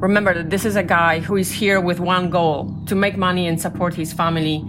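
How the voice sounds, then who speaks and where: A woman's voice: lowish voice, steady tone, a little fast, background noise. A woman from Poland with a Polish accent, recounting a story as an interviewee. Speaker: interviewee, newspaper journalist.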